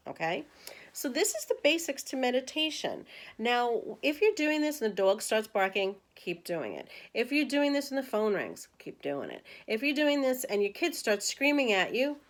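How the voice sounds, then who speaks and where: A woman's voice: a little high, sing-song, moderate pace. A woman teaching beginners to meditate in a casual, chatty way, guiding breathing with counts and cues. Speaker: meditation instructor. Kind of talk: casual spoken meditation lesson.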